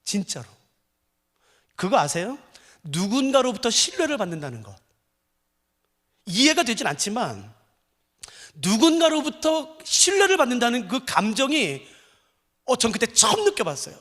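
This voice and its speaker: A middle-aged man preaching a sermon as pastor, telling stories with animated swings from hushed to loud. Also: very high voice, normal speed, pauses often. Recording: long reverb of a large church hall.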